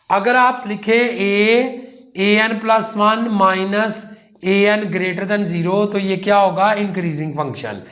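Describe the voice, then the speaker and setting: A man teaching a math lesson, slowly asking and answering his own questions and calling his students "children". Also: sits high, fairly bright tone. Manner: slow, explains step by step, asks and answers his own questions; calls students "children" and "son". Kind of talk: whiteboard lecture.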